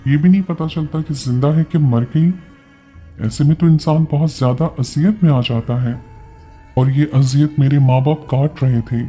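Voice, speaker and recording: A man with a Pakistani Urdu accent reading a first-person story in a steady, earnest way. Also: on the high side, moderate pace, husky, soft background music.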